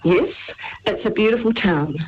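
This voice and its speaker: A woman's voice: mid-range voice, lively intonation, normal speed, slight background noise. A woman from England calling in to a radio show, chatting with many fillers. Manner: chatty, warm about her town, hesitant fillers. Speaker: caller. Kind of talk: casual phone chat on radio. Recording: muffled phone line.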